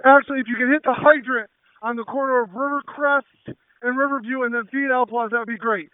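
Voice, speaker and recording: Guy fire chief barking urgent clipped orders over radio, really high voice, tinny and dry. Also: fairly even intonation, brisk, clear, resonant tone, no echo. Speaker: fire incident commander. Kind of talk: urgent firefighter radio traffic. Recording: tinny two-way radio transmission.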